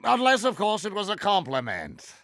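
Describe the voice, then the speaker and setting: Vain, theatrical pirate captain, Captain Hook. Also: male voice, sits high, huge pitch swings, normal speed, fairly bright tone, no echo, studio quality, heavily acted. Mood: pompous, scheming. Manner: pompous, theatrical, mock-genteel with pirate slang. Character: vain, pompous, villainous male pirate captain. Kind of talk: theatrical video game character lines.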